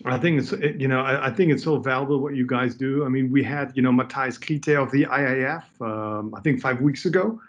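A man hosting a video call interview, asking his guests questions in a hesitant way with many "you knows." His voice sits at a middle pitch. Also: a little fast, few pauses, muffled recording. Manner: hesitant, heavy use of "you know". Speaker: host.

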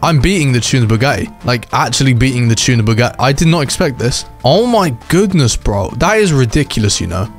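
A man's voice: medium pitch, lively intonation, a little fast, few pauses, faint music behind. Hyped young man calling game races. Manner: hyped, says "bro" a lot, jumps into shouts at race finishes. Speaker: gaming YouTuber. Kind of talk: excited gameplay commentary.

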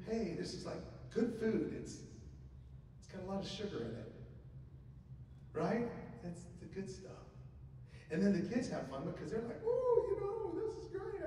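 A man's voice: extremely high pitch, dark tone, a little hiss or hum. A middle-aged man preaching a sermon at a church pulpit, talking conversationally and asking the congregation questions. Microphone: handheld microphone. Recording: echoey church hall from a distance.

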